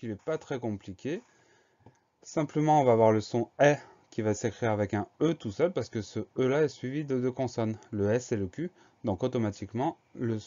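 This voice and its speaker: Methodical male schoolteacher, spells out each word slowly; mid-pitched, a bit lo-fi. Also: dark tone. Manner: spells words out letter by letter; patient, explains step by step. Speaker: primary school spelling teacher. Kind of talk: slow, methodical spelling lesson. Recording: slightly dull lo-fi recording.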